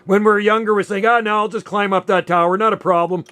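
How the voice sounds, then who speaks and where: A man in his late fifties, an amateur radio operator and channel host, chats casually over two-way radio in folksy, easygoing phrasing. His voice sits high with fairly even intonation, he talks fast, and there's heavy background noise.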